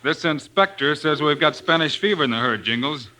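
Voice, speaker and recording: Confident high-voiced western hero. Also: male voice, lively intonation, brisk, sharp tone. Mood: cool, challenging. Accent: American. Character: confident, steady frontier lawman hero. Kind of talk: 1950s radio western acting. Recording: noisy old radio recording.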